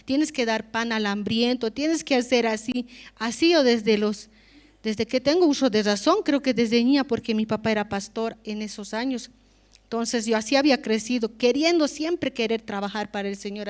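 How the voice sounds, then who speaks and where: A woman giving a personal testimony in church, talking conversationally and often asking rhetorical questions. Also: a little high.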